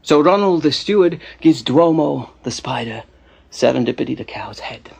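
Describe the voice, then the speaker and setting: A man telling a folk tale with a gravelly, husky voice and theatrical, animated delivery, dropping to hushed asides. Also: a little high, moderate pace. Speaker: storyteller. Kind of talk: storytelling narration.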